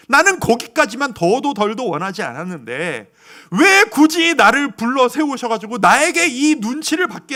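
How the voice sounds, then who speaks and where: A woman's voice: on the high side, fairly bright tone. A male pastor voicing a shamed, long-ill woman who pleads and asks why in bewilderment.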